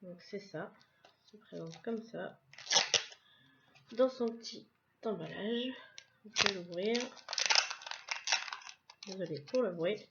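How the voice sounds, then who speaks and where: A woman's voice: medium pitch, slow, creaky, long pauses, lo-fi sound, heavy background noise. A woman casually presenting a subscription box in a vlog, describing each item one by one in a chatty way. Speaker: vlogger unboxing a subscription box.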